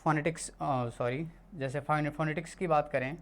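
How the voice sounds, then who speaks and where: Teacher from India, mid-pitched, talks through a lesson patiently, restating and correcting as they go. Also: steady tone, moderate pace, slight background noise. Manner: explains patiently, repeats and corrects itself often. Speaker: English teacher. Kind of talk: classroom lesson explained in Hindi.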